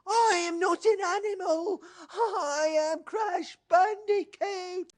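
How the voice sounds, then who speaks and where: A showy, wisecracking male bandicoot hero, as a woman acts him out, whooping and swaggering with a high voice that leaps all over the place. He talks like a cartoon star playing to a crowd. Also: sing-song, measured pace, full character voice. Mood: goofy.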